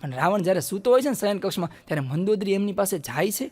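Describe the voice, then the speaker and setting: A man with a Kathiyawadi Gujarati accent doing stand-up comedy, a lively storyteller who acts out the people in his jokes. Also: high-pitched, rapid-fire, in a large hall.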